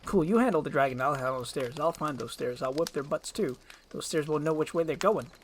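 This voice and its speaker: A man's voice: a little high, brisk, slight background noise, close to an everyday voice. A man voicing a jittery, cowardly but boastful talking donkey, rambling and pleading as in a storybook screenplay reading. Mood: nervous bragging. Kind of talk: storybook screenplay read with character voices.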